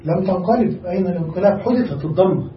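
A man's voice: high voice, fast talker, background noise. A male grammar teacher giving a classical lesson, quizzing his students with frequent check questions. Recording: echoey room, far from mic, dull.

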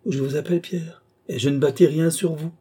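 A playful old nobleman trading barbs, raised above a low base, loud and theatrical, as a male reader puts him on. The tone stays dark and husky. He mocks and protests in grand style. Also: fairly even intonation, brisk. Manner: mocking, theatrical banter. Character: witty aging duke, playful and teasing. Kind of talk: audiobook character voice.

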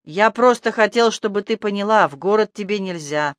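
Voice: medium pitch, normal speed, a bit bright, no room sound, clean studio sound, lightly acted. A narrator doing a snide male talking rat. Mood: mocking. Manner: snide, mocking, needling. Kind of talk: audiobook character voice.

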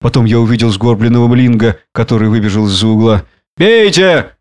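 A man narrating an audiobook in a measured storytelling manner. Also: fairly low pitch, flat delivery, a little mellow, no room sound, studio quality.

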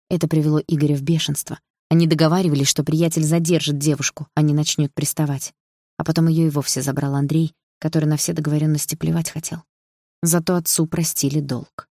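An audiobook narrator reading scripted prose in a steady, gravelly voice. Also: medium pitch, dry recording, clean studio sound.

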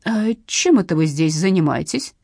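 A woman voicing a jealous husband who shouts accusations. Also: lowish voice, lively intonation, a little fast, husky, no room sound, clean studio sound, voice pushed down. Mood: accusing.

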